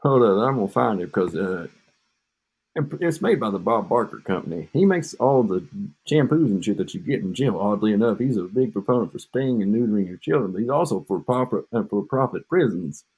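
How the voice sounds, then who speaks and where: He speaks fairly quickly in a lowish, husky voice with a darkish tone and plenty of expression. As a podcast co-host he jokes, wanders in casual chat and trails off mid-thought, his home mic giving off an echo.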